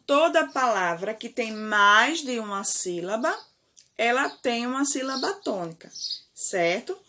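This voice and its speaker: A woman with a Brazilian Portuguese accent, a primary school teacher giving a remote lesson, speaking deliberately and checking in often with "ok?" and "certo?". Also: a little high, bright, forceful tone, slight background noise. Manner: slow, deliberate, stretches key words, frequent "certo?" and "ok?".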